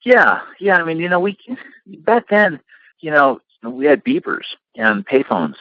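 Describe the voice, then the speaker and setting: A middle-aged man, founder of a limousine company, telling long anecdotes with lots of fillers in a relaxed interview. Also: fairly high pitch, unhurried, no room sound, lo-fi sound. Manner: rambling anecdotes with many fillers.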